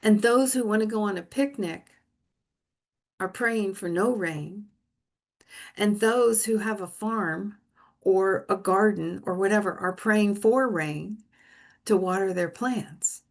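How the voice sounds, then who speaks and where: A woman's voice: mid-range voice, slow pace. A middle-aged woman minister giving a sermon in an earnest, conversational way, often restarting her sentences.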